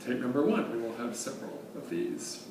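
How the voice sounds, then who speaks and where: A man playing a measured university official. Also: medium pitch, lightly acted. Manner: measured, with steady mm-hmm back-channeling. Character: calm male university official hearing a request. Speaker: university administrator in a role-play meeting. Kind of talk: role-play meeting. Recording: echoey room, distant mic, faint noise.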